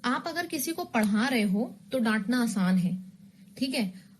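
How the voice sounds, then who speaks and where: A woman's voice: fairly high pitch, lively intonation, a little slow, a little hiss or hum. A woman teaching English in a recorded online exam-prep lesson. She explains rules with memory tricks and keeps asking her students questions.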